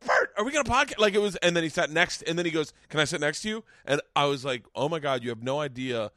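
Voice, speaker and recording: A man's voice: a little high, lively intonation, fast talker, pushed and bright, no room sound, studio quality. Rambling, self-deprecating male podcast host. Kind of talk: casual podcast chat.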